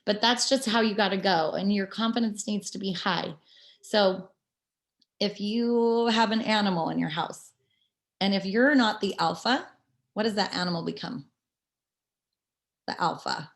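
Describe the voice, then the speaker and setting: A woman's voice: mid-range voice, unhurried, pauses often. A woman talking casually and with energy as she leads a motivational team call over a video link, with many fillers. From California. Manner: upbeat, chatty, many fillers. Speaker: team leader.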